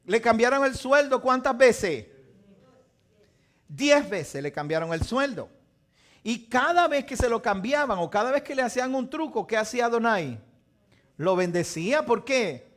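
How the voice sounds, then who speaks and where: A man's voice: very high-pitched, normal speed. A man teaching a live Bible lesson, asking his audience questions and acting out the voices of biblical figures. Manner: animated, asks the audience questions, acts out quotes. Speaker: teacher of a Torah portion study.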